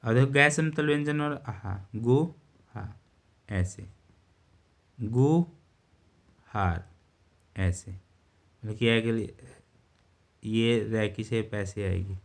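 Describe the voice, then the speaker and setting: A man teaching shorthand, explaining step by step in a patient way and often pausing to check understanding. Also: on the low side. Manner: patient, repeats words and checks with "theek hai". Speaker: steno teacher. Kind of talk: explaining a lesson while writing.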